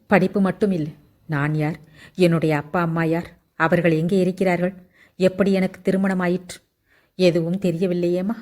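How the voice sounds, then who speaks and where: A woman narrator voicing an anxious young woman who has lost her memory, speaking in a soft, raised, plaintive way. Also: on the low side, flat delivery, moderate pace, long pauses, natural voice. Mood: distressed.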